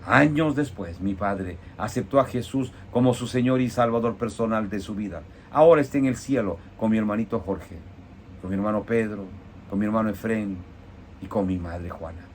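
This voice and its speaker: A man preaching a heartfelt personal testimony, his voice dropping low and soft, then rising with emphasis. His delivery swings between hushed storytelling and emphatic declarations, with a faint hiss behind him. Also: normal speed. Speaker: evangelical preacher.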